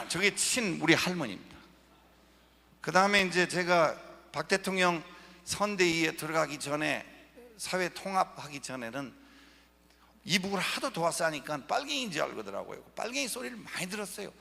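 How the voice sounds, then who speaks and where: A man giving an animated lecture over slides, joking with the audience. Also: fairly high pitch, normal speed, gravelly. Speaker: guest lecturer. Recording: echoey lecture hall.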